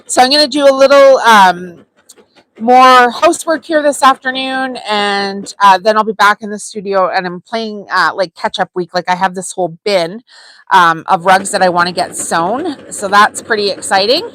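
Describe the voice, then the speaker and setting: A woman's voice: medium pitch, normal speed, a bit bright, rough recording. A woman hosting a live sewing tutorial, talking casually and chattily with frequent ums as she works. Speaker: sewing channel host.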